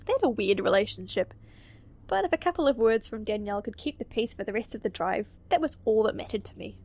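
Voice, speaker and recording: A woman reading a visual novel game aloud as a let's play, giggling and dropping quick, casual asides with some swearing. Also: medium pitch, lively intonation, gravelly, darkish tone.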